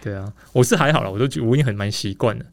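A man's voice: mid-range voice, rapid-fire, gravelly, no room sound. A man with a Taiwanese Mandarin accent hosting a casual podcast in a rambling, explanatory way, slightly muffled by a face mask. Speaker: podcast host.

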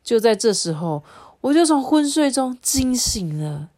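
A woman's voice: fairly high pitch, sing-song, unhurried, dark tone. A woman reading a children's storybook aloud expressively and chatting about it with a child.

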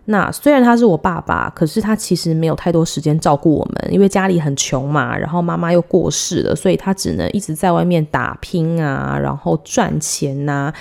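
Low-voiced, animated and creaky with a darkish tone, this woman in her thirties hosts a podcast and tells a personal story. She's chatty and giggly, stretching out dramatic pauses.

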